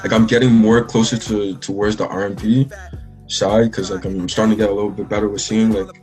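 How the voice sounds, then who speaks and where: Soft background music accompanies this young Bahamian man, a musician guest in an interview. His voice is low-leaning and darkish with little pitch movement, fairly quick, and his casual talk rambles with many "likes" and restarts.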